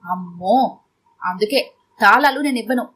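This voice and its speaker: A woman's voice: mid-range voice, expressive, unhurried, a bit bright, breathy edge. Woman voicing a stubborn money-minded wife. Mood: stubborn firm.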